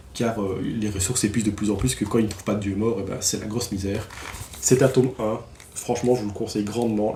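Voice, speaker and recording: A man's voice: fairly low pitch, mellow, reverberant, slight background noise. A man casually reviewing new comic releases, enthusiastic and slangy, with lots of fillers and restarts.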